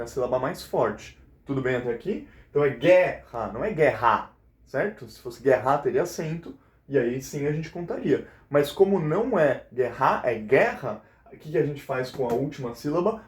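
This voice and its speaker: A male teacher with a slightly high, darkish voice explains the syllable count of a poem in a recorded class lesson. He checks in with his students through frequent questions, and the recording has a roomy echo.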